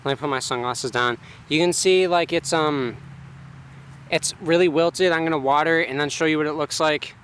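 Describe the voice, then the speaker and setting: Holding a camera to film himself in his home garden, a man rambles through a casual vlog, full of filler words. His voice runs on the high side and a bit bright at a normal speed, with slight background noise.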